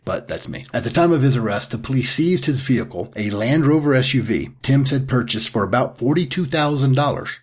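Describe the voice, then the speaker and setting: A man's voice: mid-range voice, husky. A middle-aged man hosting a solo podcast on legal cases, talking in an opinionated way with emphatic asides. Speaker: podcast host.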